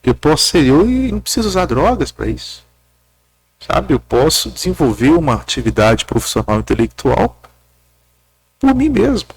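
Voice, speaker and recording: A man's voice: a little high, big pitch swings, normal speed, breathy edge, no echo. A man interviewing a guest and then giving earnest, direct counsel, addressing him informally.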